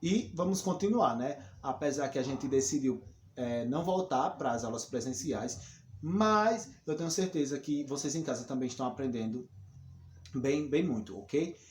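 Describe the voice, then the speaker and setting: A man's voice: mid-range voice, lively intonation, normal speed. A male teacher with a Brazilian Portuguese accent, giving a recorded lesson and explaining patiently, with frequent checks like "ok?". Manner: explains patiently, repeats points, checks with "ok?" and "tá bom?". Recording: echoey room with faint noise.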